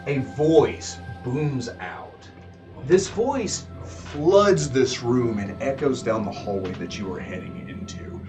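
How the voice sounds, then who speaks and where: A man's voice: mid-range voice, expressive, slow, music in the background. A man running a tabletop game as game master, giving descriptive narration with some fillers, heard from a distance.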